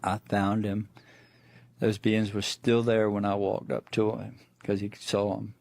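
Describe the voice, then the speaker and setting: A man's voice: fairly low pitch, level tone, unhurried, gravelly, a little mellow, no echo. A middle-aged man, a guest on the show, recounting a personal encounter in plainspoken storytelling full of restarts. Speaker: eyewitness guest.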